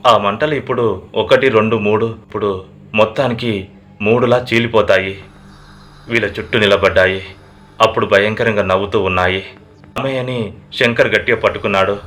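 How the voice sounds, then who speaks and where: A man narrating a horror story in a dramatic, steady storytelling manner. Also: on the low side, normal speed, long pauses.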